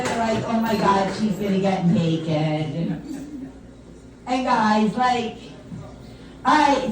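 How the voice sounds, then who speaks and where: In an echoey comedy club, a distant mic captures a woman whose voice runs on the high side. The tri-state native, sounding older than her years, jokes at the crowd's expense and her own in a chatty manner, against a backdrop of audience laughs and chatter.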